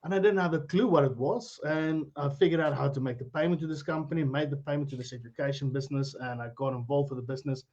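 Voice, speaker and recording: Talking quickly with few pauses, a middle-aged South African man appears by video call as the guest on a live-streamed interview, where he's introduced as a cryptocurrency educator. His voice is a little high and darkish with a steady tone, though the audio is dull. He's chatty, drifts off on tangents, and laughs without much prompting.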